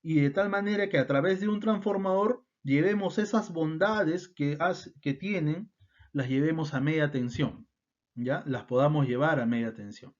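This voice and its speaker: Man, technical lecture, fairly high voice, muffled lo-fi recording. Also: normal speed. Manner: explanatory, frequent tag questions and fillers. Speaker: instructor. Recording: dull lo-fi sound.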